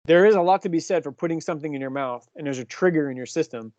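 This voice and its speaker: Brief: chatty male coach in his fifties, talking to riders, a bit high-pitched, dry recording. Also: fast talker, darkish tone, no echo, lo-fi sound. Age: 50s. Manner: chatty, explanatory, asks the group questions. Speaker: cycling coach. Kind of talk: casual team talk.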